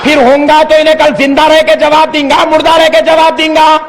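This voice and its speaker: A man delivers an animated sermon. He tells stories and calls out to his listeners, often at a shout. The sound rings with the long reverb of a big hall. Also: extremely high pitch, a little fast, some chatter behind, a little hiss or hum. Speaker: preacher.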